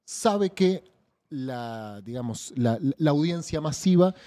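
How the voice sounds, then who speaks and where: Mellow Argentine interviewer, dry sound. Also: male voice, fairly high pitch, lively intonation, no room sound. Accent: Argentine Spanish. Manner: measured, polite, short affirmations. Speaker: podcast host, interviewer. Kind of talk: interview questions.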